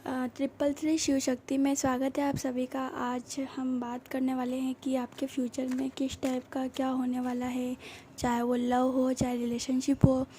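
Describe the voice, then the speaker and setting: A tarot reader with a high voice gives a casual, chatty reading directly to her viewers, reassuring them and using plenty of filler sounds. Her voice comes out somewhat quiet, with a little hiss or hum in the recording.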